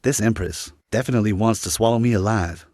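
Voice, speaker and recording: A man narrating a story in the first person with steady, even storytelling, recorded close and dry. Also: on the low side, quick pace, no echo. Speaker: recap narrator.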